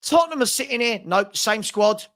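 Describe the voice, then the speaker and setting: A man's voice: very high-pitched, lively intonation, moderate pace, a bit bright. A man in full angry rant as a fan-channel host. He sounds exasperated and emphatic, hammering phrases by repeating them, and slips into sarcastic mimicry of those he disagrees with.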